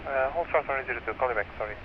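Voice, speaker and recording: A man's voice: mid-range voice, racing. Man over a muffled, noisy pilot-headset radio. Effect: aviation radio, over a headset. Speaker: pilots and air traffic controllers. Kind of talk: air traffic radio phraseology.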